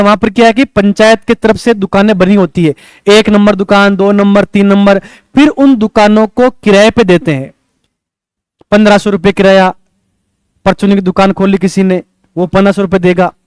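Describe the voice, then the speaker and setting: A man's voice: high-pitched, clear, resonant tone, no room sound. A male coaching teacher, lecturing a class and checking in with rhetorical questions as he teaches memory tricks.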